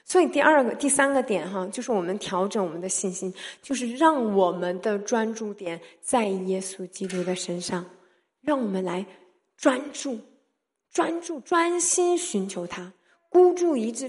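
A woman in her thirties preaching a personal testimony, telling the story in an animated way that swings from soft talk to loud, emphatic calls. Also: on the high side, moderate pace. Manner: mixes in English words. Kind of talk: sermon testimony.

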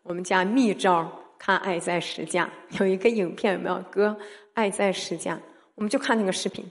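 A woman in her thirties preaching a personal testimony, telling the story in an animated way that swings from soft talk to loud, emphatic calls. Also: fairly low pitch, brisk. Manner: mixes in English words. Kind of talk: sermon testimony.

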